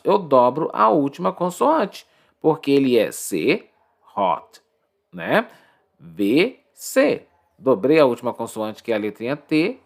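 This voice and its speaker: A Brazilian man teaching English in an online lesson, explaining step by step, repeating key words and checking in with his students. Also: fairly high pitch. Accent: Brazilian Portuguese.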